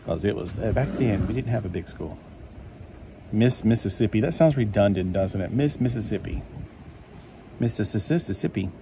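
Lively intonation colors this man's lowish, warm voice as he talks at a normal speed, with a little hiss or hum in the background. Seated at a table indoors, he flips through a collector magazine, chatting to himself in a rambling, easily delighted manner.

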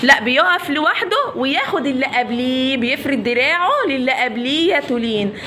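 A woman's voice: high-pitched, expressive, fairly quick, pushed and bright. A young woman with an Egyptian Arabic accent teaching young pupils in a classroom, prompting and praising them by name. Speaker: primary school teacher. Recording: noisy classroom ambience.

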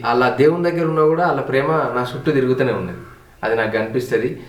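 A vlogger with a Telangana Telugu accent tells his family's story during a home tour, heartfelt and reflective, repeating words for emphasis. His voice is medium-pitched and fast, with a reverberant sound.

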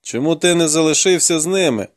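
A man's voice: a little high, lively intonation, fairly quick, dry recording, clean studio sound, pitched above the performer's own voice, natural voice. A man voicing a grim male warrior who taunts and interrogates a captive in an audiobook. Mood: taunting, grim. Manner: taunting, commanding, gruff.

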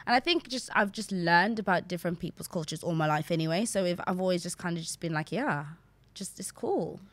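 A woman's voice: lowish voice, a little fast, dry recording. A woman in her twenties from Zambia, chatting animatedly as an interview guest on a podcast mic in a small studio. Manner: animated, gestures a lot while talking. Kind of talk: casual interview chat. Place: small studio set, indoors. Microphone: desk podcast mic.

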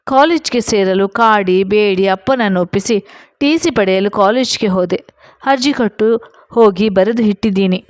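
A woman tells a first-person story in a steady, even storytelling voice. Her voice sits at a middle pitch. The recording is dry and close, with no room sound. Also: normal speed, dry recording. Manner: steady storytelling with quoted dialogue. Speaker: narrator.

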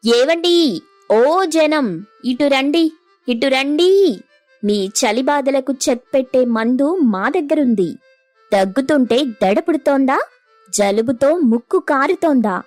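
A woman voicing a loud, boastful young daughter-in-law in a cartoon story. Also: a little high, lively intonation, measured pace, no room sound, soft background music. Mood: hawking loudly. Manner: boastful, showy.

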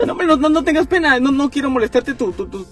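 A man's voice: extremely high pitch, animated, fast talker, fairly bright tone, soft background music. A man with a Guatemalan accent playing a nervous, stammering passenger who gets robbed in a comedy sketch. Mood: nervous pleading. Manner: stammering, jittery, overly polite then cursing. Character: nervous young male passenger being robbed. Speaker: sketch actor.

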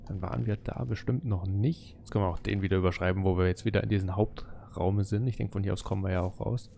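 A man's voice: sits low, steady tone, fast, dark tone. A man streaming a video game with casual, understated commentary, musing to himself. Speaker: let's play streamer. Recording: clear game noise behind the voice. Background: game ambience.

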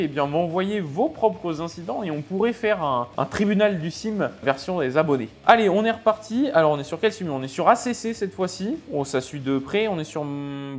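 Fairly high-voiced man commenting on race clips. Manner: chatty and expressive, reacts aloud to crashes; talks in halting bursts with many fillers. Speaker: sim racing video creator.

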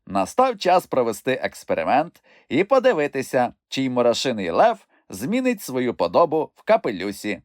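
A man voicing an eager, brave young male troll who speaks in an excited, raised voice in an audiobook. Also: medium pitch, moderate pace, few pauses, no echo, clean studio sound, pitched above the performer's own voice. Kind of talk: audiobook character voice.

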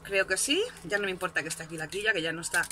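This crafting vlogger talks very fast in a lowish voice, with background noise present. Showing a shopping haul from her home craft desk, she jokes at her own expense and frequently checks in with the people watching.

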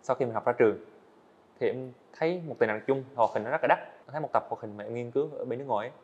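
Talking very fast in a mid-range, slightly mellow voice, an eighteen-year-old animator earnestly shares his own story and answers politely as a podcast guest. The indoor studio recording comes across muffled.

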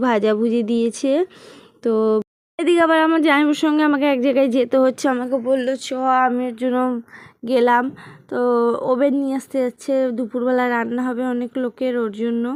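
A woman's voice: fairly high pitch, darkish tone, no room sound. A middle-aged woman chatting casually to viewers as she narrates a family home vlog, rambling and addressing them directly. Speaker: vlogger.

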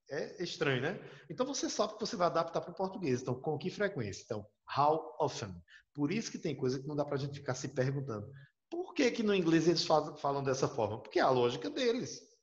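A man teaching a remote class, walking students through each point and checking that they follow. His voice sits a little high. The sound is roomy and muffled, like a lo-fi home recording. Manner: explanatory, asks students for confirmation. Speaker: English teacher. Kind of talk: online class lecture. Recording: roomy, dull lo-fi audio.

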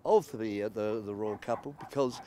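A man's voice: lowish voice, normal speed, dark tone. A man giving informal interview answers outdoors in a city street, explaining things as a town crier. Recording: faint outdoor street noise.

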